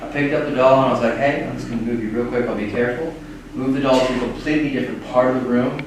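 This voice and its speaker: A man excitedly retelling a ghost hunt to friends, acting out what he said, recorded from far off in an echoey, noisy room. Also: mid-range voice, racing. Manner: animated retelling, acting out his own quotes. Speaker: ghost hunting host. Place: old house at night.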